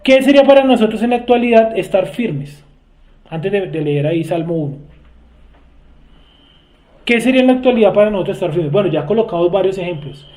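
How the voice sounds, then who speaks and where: A high-voiced man with a Bogotá Colombian accent leads a Bible study group. He talks in a relaxed, conversational way and keeps asking his students whether they understood. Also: a little fast, pauses often. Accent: Bogotá Colombian Spanish. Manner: conversational, checks understanding often, asks the class questions. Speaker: teacher leading a Bible study class. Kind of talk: informal religious teaching.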